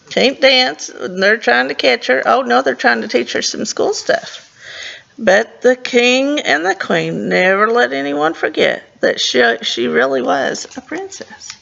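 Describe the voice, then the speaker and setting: With a high-pitched voice full of vocal fry, this woman reads a storybook to kids, trips over words occasionally, and chats about the illustrations as she goes. She's a librarian, expressive in her reading, captured on a muffled recording.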